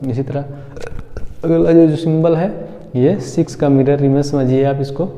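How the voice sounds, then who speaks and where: A man's voice: fairly high pitch, fairly even intonation, measured pace, warm tone. A man teaching English pronunciation in a patient, repetitive way. He says example words aloud and keeps asking the listener how to say them. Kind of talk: Hindi-language pronunciation lesson. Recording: echoey room, dull lo-fi sound.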